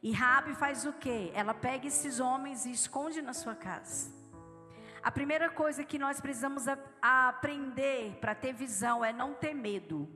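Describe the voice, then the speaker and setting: A woman's voice: high voice, normal speed. A woman pastor from Brazil preaching a live sermon in church, telling stories in an earnest way and speaking straight to the congregation. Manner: storytelling, earnest, addresses the congregation directly. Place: large church hall with live audience. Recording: echoey church hall, soft background music.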